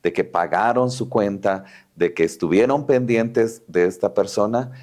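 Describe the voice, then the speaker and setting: A man with a low voice co-hosts a faith podcast. He speaks reflectively, pausing and hesitating often with fillers. His manner is conversational. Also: darkish tone.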